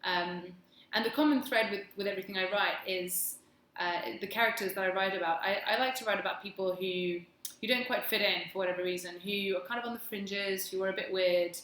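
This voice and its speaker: A woman's voice: mid-range voice, a little fast, a bit bright. Plummy English woman in an echoey room. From England. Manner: self-deprecating, wry, rambling. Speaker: writer and video blogger. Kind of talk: casual chat to camera. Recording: echoey room, faint background noise.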